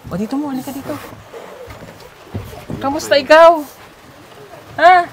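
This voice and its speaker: Over some background noise, a woman speaks in a high-pitched, unhurried voice. She's a vlogger visiting a sponsored child, chatting casually with the family at home and coaxing and teasing with lots of questions.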